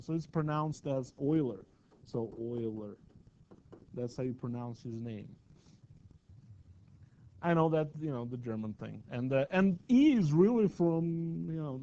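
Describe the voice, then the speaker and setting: A man's voice: medium pitch, mellow, muffled recording. A man teaching a math class in a classroom, chatty and often asking his students questions. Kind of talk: classroom lecture.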